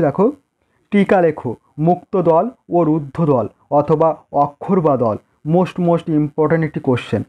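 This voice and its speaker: A man's voice: a little high, warm tone. Bengali man dictating an exam lecture. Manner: dictating, repeats phrases, stresses key terms. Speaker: teacher. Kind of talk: exam-prep lecture reading answers aloud.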